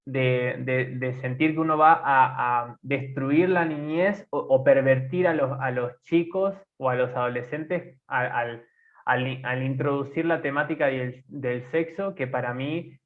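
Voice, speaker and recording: A man in his twenties with an Argentine accent, co-hosting a casual podcast and talking haltingly with many fillers and restarts. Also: mid-range voice. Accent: Argentine Spanish. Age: 20s. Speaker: podcast co-host. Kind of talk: casual conversation. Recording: tinny phone-like sound.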